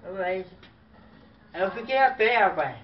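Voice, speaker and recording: High-voiced clown man, animated. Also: measured pace. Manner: animated, exaggerated exclamations and sound effects. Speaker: clown storyteller. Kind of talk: comic storytelling duo routine. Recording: distant, dull mic with faint noise.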